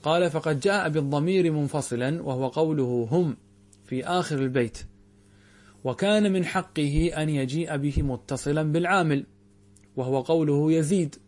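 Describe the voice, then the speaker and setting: A man teaching a grammar lesson, reciting quoted verses slowly and drawn out, and questioning his students rhetorically. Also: a little high, a little mellow. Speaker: Islamic scholar teaching grammar.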